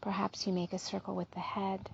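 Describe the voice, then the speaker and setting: Leading a slow, calming body scan meditation, a woman speaks in a soft, breathy, slightly husky voice of medium pitch, though her delivery is completely flat. The audio is dull with a little hiss or hum.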